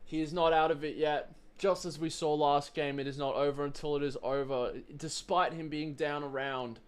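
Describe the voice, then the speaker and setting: Casting a shooter match in esports, this man moves between tense build-up and excited play-by-play calls. He speaks at normal speed in a fairly high, clear, resonant voice.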